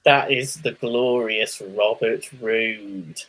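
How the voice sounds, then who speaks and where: A man's voice: on the low side, takes it slowly, fairly bright tone, low-quality recording. A man playing along in a casual quiz, laughing often and poking fun at himself. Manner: laughs often, self-mocking. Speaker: quiz contestant.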